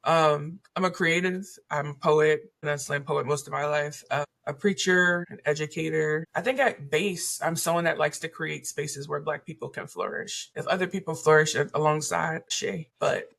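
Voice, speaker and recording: A woman from Baltimore with a Baltimore accent, a podcast guest chatting casually over a video call, animated and often laughing. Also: low-pitched, gravelly. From Baltimore, USA. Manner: animated and laughing, talks faster as she goes. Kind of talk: casual chat.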